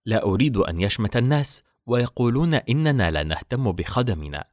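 A man's voice: medium pitch, big pitch swings, a little fast, darkish tone, no echo, clean studio sound, close to an everyday voice. A man voicing a wealthy master of the house giving firm orders in a storybook reading.

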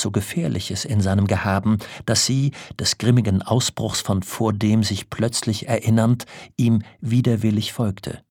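A man reads classic literary fiction aloud in a measured, dramatic way. His voice is low and husky, and his pace is slow and deliberate. The sound is close and dry, with no room around it. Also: a little mellow, dry recording. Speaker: audiobook narrator. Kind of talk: scripted literary narration.

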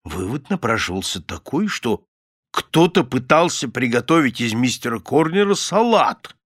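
A man reading a humorous story aloud as an audiobook narrator, with expressive delivery. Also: medium pitch, normal speed, breathy edge, no echo, clean studio sound.

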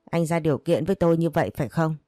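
A woman's voice: low voice, very fast, dark tone, no echo, studio quality, lightly acted. Woman reading as a bitter scolding mother. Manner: scolding, self-pitying. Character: bitter controlling older mother-in-law.

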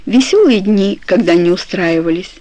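A woman narrating an audiobook in a calm, measured, soft storytelling manner, recorded dry and close. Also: medium pitch, no room sound, low-quality recording.

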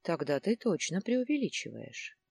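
A woman reading the part of a calm, doubting middle-aged woman friend in a storybook. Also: fairly low pitch, normal speed, gravelly, breathy edge, no room sound, exaggerated voice.

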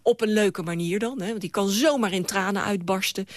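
A woman's voice: medium pitch, brisk, dry recording. Woman, tennis expert, matter-of-fact analysis, dry close sound.

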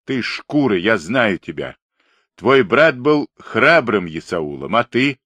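A man voicing a blunt Cossack who scolds a loudmouth. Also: fairly low pitch, big pitch swings, takes it slowly, no room sound, exaggerated voice. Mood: scolding.

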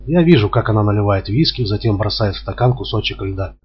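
A man reading a crime novel aloud as scripted narration, steady and even, in a dull lo-fi recording. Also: lowish voice, fairly quick, husky. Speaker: audiobook reader.

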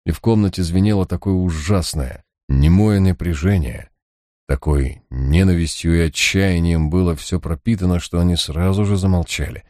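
A man reading a novel aloud in a measured, even storytelling manner. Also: low-pitched, no room sound, studio quality. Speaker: audiobook reader. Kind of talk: audiobook narration.

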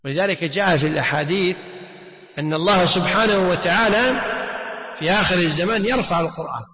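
A man's voice: high voice, fast talker. A man teaching a religious lesson, often repeating words and putting rhetorical questions to his students. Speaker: Islamic scholar teaching. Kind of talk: religious lesson explaining a text. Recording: echoey hall, muffled lo-fi sound.

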